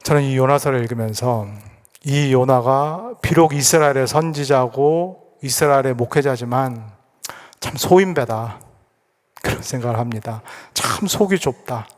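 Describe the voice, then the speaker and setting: A man's voice: mid-range voice, normal speed. A male pastor preaching a sermon, asking rhetorical questions and repeating phrases for emphasis. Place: church sanctuary. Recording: echoey church hall.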